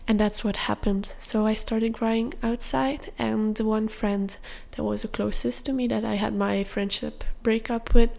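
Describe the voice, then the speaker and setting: A young woman hosts a podcast, telling a personal story in a candid, confessional way. Her voice carries a gravelly vocal fry, and she pauses on soft fillers as she goes. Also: a little high, fairly even intonation. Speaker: podcast host.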